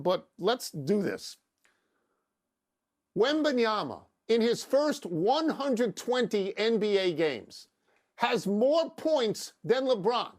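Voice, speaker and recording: An older man co-hosting a sports debate show, needling and sarcastic as he argues and reads stats. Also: sits high. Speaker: sports talk show co-host.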